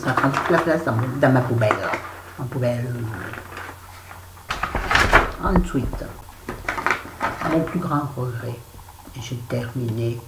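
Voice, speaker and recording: A middle-aged woman chatting casually through her used-up beauty products, playfully putting on a southern French accent. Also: rumbling low. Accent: southern French, put on. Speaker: beauty vlogger. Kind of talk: casual empties review. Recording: echoey room with faint noise.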